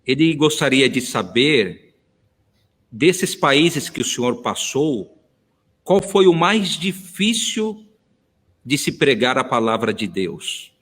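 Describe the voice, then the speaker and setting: Male interviewer, effusive and devout, unhurried delivery, voice ringing in a reverberant hall. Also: mid-range voice, sing-song, fairly bright tone, breathy edge. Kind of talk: church interview.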